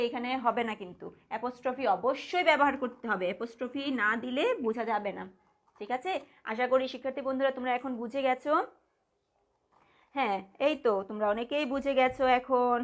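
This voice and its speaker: A primary school teacher with a Bangladeshi accent, giving a live online grammar lesson. She talks patiently, repeats words slowly and keeps asking the class questions. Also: high voice.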